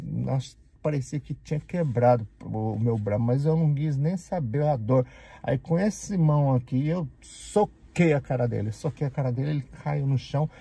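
A man from Brazil with a Brazilian Portuguese accent, telling an animated story casually and acting out the people in it. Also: medium pitch, creaky, breathy edge. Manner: animated, acts out the people in his stories. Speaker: vlogger.

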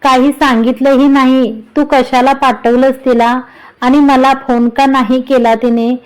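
A woman's voice: sits high, flat delivery, measured pace, clean tone, poor audio. Woman reading as a grumbling young husband. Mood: irritated. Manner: grumbling, irritated. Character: young man, impatient, lovesick politician husband.

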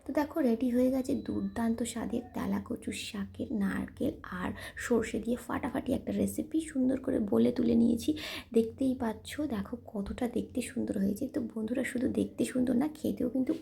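A woman's voice: on the high side, quick pace, creaky, mellow. A woman hosting a home cooking tutorial, talking chattily to viewers as friends, often dropping to a half-whisper, with many fillers. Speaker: cooking channel host.

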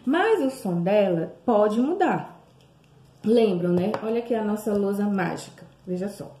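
Brazilian woman, primary teacher, slow sing-song talk to children, warm mellow tone, roomy echo. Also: mid-range voice, lively intonation, a little hiss or hum. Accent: Brazilian Portuguese. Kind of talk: remote lesson for young children. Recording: echoey room.

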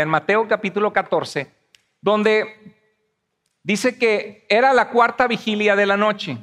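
A man's voice: on the high side, fairly bright tone. A man preaching a sermon as pastor, telling the story with animation and acting out voices. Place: church hall. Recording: long hall reverb.

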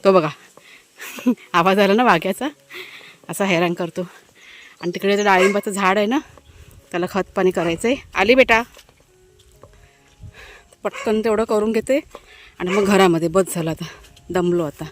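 A woman's voice: mid-range voice, normal speed, pauses often, a little hiss or hum. A woman family vlogger chatting casually to her viewers while she works outdoors in a village garden, talking fondly to her dogs, recorded on a handheld phone.

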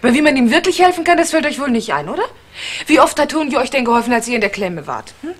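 An actress playing a lively, bossy young woman in a 1960s TV series, teasing and brisk. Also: high-pitched, slightly rough, exaggerated voice. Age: young adult.

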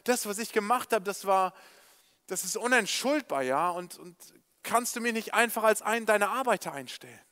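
A shamed young son stutters out his plea to his father, as a preacher acts it out. The voice sits high and hesitant, broken by restarts. It sounds like a parable told from a pulpit. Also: lively intonation, normal speed, pushed and bright, long reverb tail. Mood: ashamed. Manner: stammering, pleading. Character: ashamed young prodigal son, stammering.

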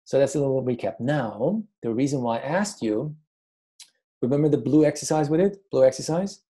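A man's voice: medium pitch, lively intonation, a little fast, dark tone. A middle-aged man leading a stress workshop in a casual, emphatic way, often repeating phrases for emphasis. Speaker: workshop presenter. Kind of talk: motivational workshop talk.

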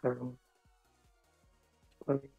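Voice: extremely slow, narrow, tinny audio, soft background music. A caller talking through a voice changer that disguises the voice, chatting casually on a call and rambling with lots of fillers. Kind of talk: casual phone chat.

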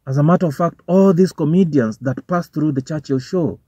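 Brisk, husky and dark-toned, his voice sits a little high. The young Kenyan man vlogs from a parked car in a Kenyan accent, cursing casually and switching between English and Swahili slang. A phone or camera on the dashboard gives a dull, dry recording without echo.

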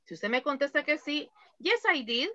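A woman's voice: high voice, big pitch swings, pushed and bright, no room sound, highs cut off. Woman, English teacher, patient explaining, dry close sound. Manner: patient, explains slowly, repeats examples. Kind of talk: online class instruction.

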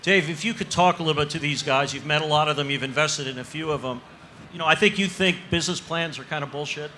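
Fast-talking, probing male panel moderator. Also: fairly high pitch, sharp tone, slight background noise. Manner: probing, pushes for specifics. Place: stage in a large tent with an audience. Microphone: handheld mic.

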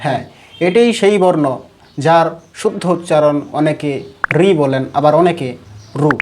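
Male teacher with a Bengali accent, measured and deliberate, recites rules slowly. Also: on the high side, noisy background. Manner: measured, chants sutras slowly. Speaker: Sanskrit pronunciation teacher. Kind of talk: explanatory lesson.

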